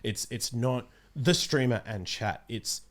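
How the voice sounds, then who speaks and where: A young man with a medium-pitched voice speaks slowly and casually as an interview guest. He's an amateur voice actor and streamer, talking indoors in a small home streaming room.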